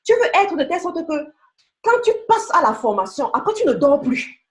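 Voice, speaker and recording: Her pitch is extremely high and her delivery very animated, though the pace stays moderate. She's a beauty sales trainer and team leader giving a motivational talk, pressing and coaxing the listener directly with rhetorical questions.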